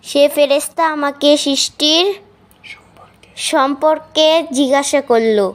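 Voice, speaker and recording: A woman voicing high little boy Samin. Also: slow pace. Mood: scared. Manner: recites answers politely. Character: young boy, earnest and frightened. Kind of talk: Islamic children's cartoon voicing.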